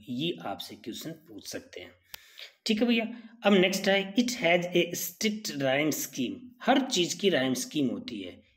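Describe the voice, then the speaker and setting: A man leads an exam-prep lesson in a lively, animated voice. He keeps asking his students short questions and answers them himself, and his pitch sits in a middle range for a man. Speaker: teacher.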